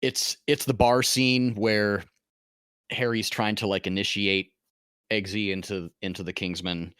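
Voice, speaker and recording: A man's voice: lowish voice, little pitch movement, measured pace, a bit bright, clear, resonant tone, no room sound. A man on a casual movie podcast, speaking with hesitant restarts. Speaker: podcast co-host. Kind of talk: casual movie review chat.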